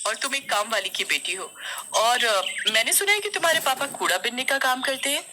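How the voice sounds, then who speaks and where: A woman's voice: a little high, expressive, a little fast, background noise, voice pushed up, close to an everyday voice. A woman voicing a stern, snobbish female teacher who scolds a poor pupil. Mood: scolding.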